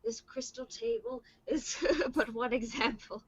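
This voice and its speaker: A woman's voice: on the high side, measured pace, breathy edge, dry recording, muffled recording. A woman reading the lines of a wise old male wizard mentor in a casual script read-through, in her own voice. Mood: earnest.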